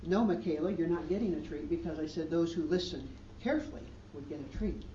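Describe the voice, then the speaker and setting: A man voicing a calm, firm woman teacher in a sermon story, recorded from a distance in a roomy hall. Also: fairly high pitch, brisk, muffled recording, slight background noise, natural voice.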